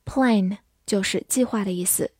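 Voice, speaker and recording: A woman teaching vocabulary in an unhurried, measured voice. She spells words out letter by letter and reads example sentences slowly. The sound is close and dry, with no room around it. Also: medium pitch, darkish tone, slightly rough, no echo. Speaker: English teacher. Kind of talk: vocabulary lesson.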